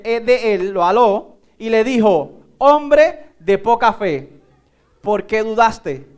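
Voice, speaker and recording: Male pastor, Puerto Rican Spanish accent, very high and clear voice, storytelling sermon. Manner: animated storytelling, acting out a Bible scene with volunteers.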